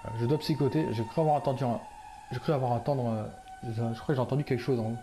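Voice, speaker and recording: A man's voice: medium pitch, fairly even intonation, fast talker, music in the background. Nervous, jumpy young-sounding man gamer. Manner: nervous, jumpy, swears under his breath. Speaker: gamer and video host. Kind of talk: casual gameplay commentary.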